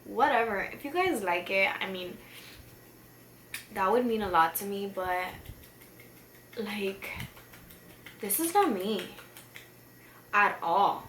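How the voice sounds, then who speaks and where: A beauty vlogger, tipsy from beer, chats casually through a makeup tutorial, rambling and poking fun at herself with some mild swearing. Her mid-range voice is animated and a bit bright, moving slowly with long pauses. She's in an echoey room at home with faint noise.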